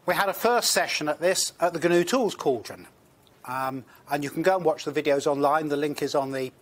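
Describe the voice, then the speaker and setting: A man's voice: on the high side, fairly quick. A man introducing and moderating a panel discussion before a lecture-room audience.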